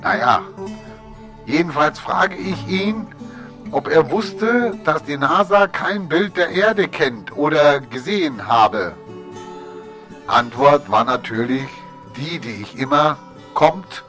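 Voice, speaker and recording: A man's voice: fairly high pitch, takes it slowly, soft background music. A man co-hosting a casual radio show, telling an anecdote with teasing asides to his partner. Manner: animated storyteller with teasing asides. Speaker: co-host.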